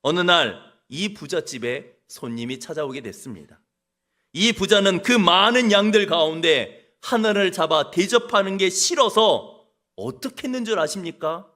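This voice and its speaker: A male senior pastor preaching a sermon, telling the story dramatically and dropping to soft low lines. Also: lively intonation, moderate pace. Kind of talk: sermon with acted scenes.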